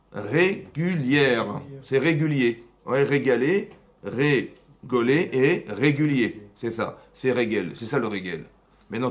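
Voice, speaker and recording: A man with a French accent, a rabbi giving a Torah class in a synagogue, lively and rhetorical, asking questions and answering them himself. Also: medium pitch.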